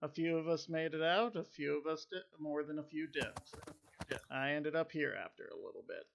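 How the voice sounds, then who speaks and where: A man voicing a friendly young farm boy, with a put-on, bad southern US accent and a hesitant, halting delivery. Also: on the high side, creaky, fairly bright tone, lo-fi sound, a little hiss or hum. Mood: wistful.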